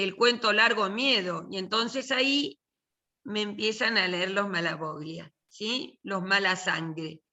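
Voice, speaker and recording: Older woman, Argentine accent, bright piercing tone; colloquial, joking literature teacher on a video call. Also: medium pitch. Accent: Argentine Spanish. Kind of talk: casual online class talk.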